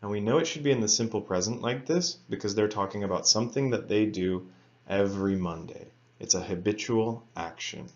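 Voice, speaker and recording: A man teaching an English grammar lesson to students, reading example sentences slowly and carefully. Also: fairly low pitch, dull audio. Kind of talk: recorded lecture for students.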